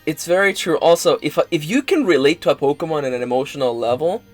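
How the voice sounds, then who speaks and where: An emphatic co-host in a casual back-and-forth debate, mid-pitched for the voice. They hammer points by repeating them and drop swear words freely, with music playing underneath. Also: animated, quick pace. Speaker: co-host ranking Pokémon on a stream. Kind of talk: casual banter, opinionated debate.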